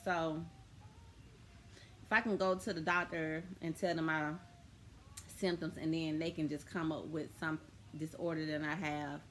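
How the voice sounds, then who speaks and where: A woman's voice: low-pitched, flat delivery, a little slow, pauses often, fairly bright tone. A woman talks casually to her viewers. She rambles, restarts and fills gaps with "um" and "like". A faint hum sits behind her voice. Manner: rambling, chatty, with many fillers and restarts. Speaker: vlogger. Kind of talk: casual spiritual vlog talk.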